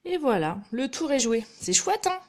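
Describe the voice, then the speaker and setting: A woman's voice: sits high, sing-song, moderate pace. A woman giving a live craft tutorial, chatting directly to her viewers and often apologizing for small slips. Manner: self-deprecating, apologizes often. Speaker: craft demonstrator.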